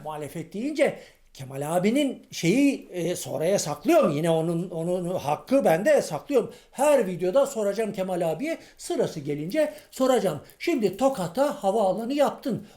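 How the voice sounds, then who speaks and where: A high-voiced, grumbling middle-aged everyman, as a comedian plays him in a comic monologue sketch. He rants in folksy slang and keeps firing rhetorical questions, his pitch leaping up and down. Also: warm tone. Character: grumbling irritable man on the street, middle-aged.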